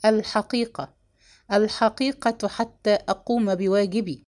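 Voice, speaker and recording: A woman's voice: medium pitch, fairly even intonation, unhurried, darkish tone, lightly acted. A woman reading a harsh older patriarch. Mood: stern, angry. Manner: gruff commanding outbursts. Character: stern harsh older male family patriarch.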